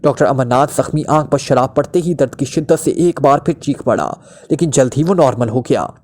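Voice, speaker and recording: A man narrating a crime thriller story with a steady, dramatic reading. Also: mid-range voice, a little fast.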